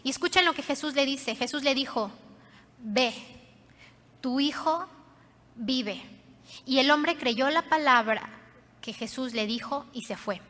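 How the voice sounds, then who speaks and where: A woman pastor preaching a sermon, telling the story dramatically and often dropping to soft, hushed tones. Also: sits high, normal speed. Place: church hall. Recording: reverberant church hall.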